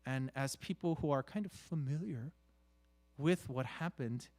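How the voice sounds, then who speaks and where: A man gives a conversational sermon at medium pitch, halting and repeating himself, tossing out rhetorical questions, and letting emphatic phrases drop into hushed asides.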